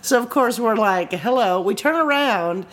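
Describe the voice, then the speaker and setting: A woman from Canada co-hosting a casual podcast, telling lively bar stories with swearing and laughter. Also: fairly high pitch, moderate pace. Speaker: podcast co-host. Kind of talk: casual chat.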